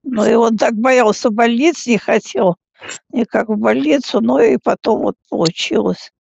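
A frail woman in her eighties chatting casually on a phone call like a great-grandmother, halting and often repeating and stammering over words. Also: on the high side, creaky, darkish tone, no room sound. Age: 80s. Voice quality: frail, elderly voice. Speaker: great-grandmother talking with younger relative. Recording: dull, muffled phone call recording.

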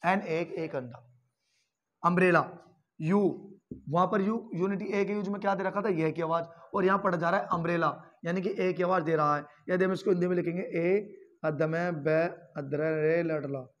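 A man's voice: high voice, moderate pace, a bit bright, lo-fi sound. A man teaching grammar, spelling words out letter by letter and calling his viewers friends. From India. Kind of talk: classroom-style lesson.

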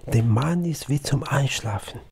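Slow calm man reading an audiobook story, dark husky voice. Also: mid-range voice. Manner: calm and measured. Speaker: audiobook narrator.

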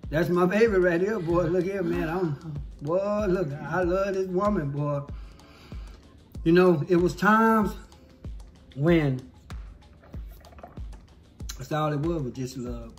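A middle-aged man with a slightly high voice talks casually, like a host at his table. He gives heartfelt advice emphatically, repeating his points in a preachy storytelling way. Music plays behind him. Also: slow, long pauses. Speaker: mukbang host. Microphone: desk microphone close in front.

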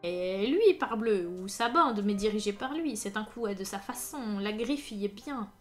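A woman's voice: mid-range voice, soft background music, lightly acted. Woman playing a wry, unflappable police inspector. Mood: matter-of-fact. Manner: calm, wry, unhurried. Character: unflappable, dry-witted male police inspector.

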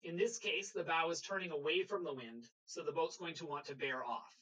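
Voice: mid-range voice, a little fast, fairly bright tone, dull audio. A sailing instructor giving a live webinar lecture over a video call, explaining patiently and checking in with the class.

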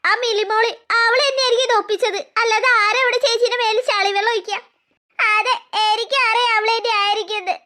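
A woman voicing an eager, chatty little sister in a cartoon story who is quick to take sides. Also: very high-pitched, steady tone, bright, forceful tone.

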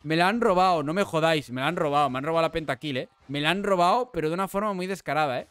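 A man with an accent from Spain giving live gameplay commentary, excitable and repeating himself, breaking into shouts. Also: a little high, very fast, smooth, no room sound. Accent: Spain Spanish. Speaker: gaming streamer.

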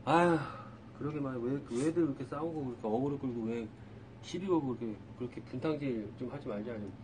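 A man's voice: medium pitch, quick pace, a little mellow, a little hiss or hum. A young man live streaming, talking casually to his chat, exasperated and scolding, with some swearing.

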